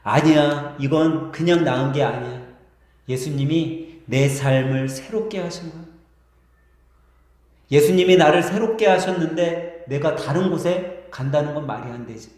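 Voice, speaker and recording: A pastor acting out a humble healed leper man who speaks softly through tears, in an echoey church hall. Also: measured pace, close to an everyday voice. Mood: tearful. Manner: soft, low, choked confession.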